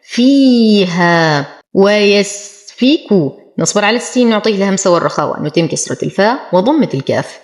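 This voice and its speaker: A woman teaching Quran recitation, explaining the rules of each word and then reciting it slowly and deliberately. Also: medium pitch, expressive. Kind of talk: tajweed lesson with slow recited examples.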